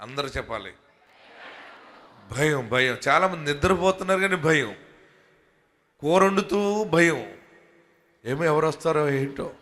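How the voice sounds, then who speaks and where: A man with a Telugu accent preaching a sermon as a pastor, moving from quiet talk to loud fervent shouting. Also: a little high, animated, measured pace, long pauses. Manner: calls the congregation to say hallelujah. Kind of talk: Telugu sermon with prayer and promises.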